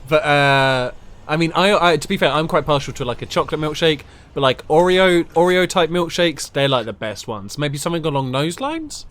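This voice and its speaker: A man's voice: a little high, lively intonation, moderate pace, a bit bright. A man giving casual game commentary and chat in a rambling, jokey, sweary way. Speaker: gaming streamer.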